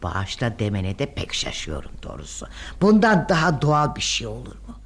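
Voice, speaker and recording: A stern, prim aunt. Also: female voice, very deep voice, wildly swooping pitch, moderate pace, husky, heavily acted. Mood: concerned. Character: stern, serious middle-aged aunt, disapproving. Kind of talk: radio drama acting.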